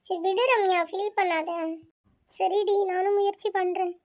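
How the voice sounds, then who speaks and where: A woman's voice: extremely high pitch, level tone, a little slow. A woman voicing a caring young woman who comforts a crying friend in a cartoon story, coaxing and soothing. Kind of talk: cartoon voice acting.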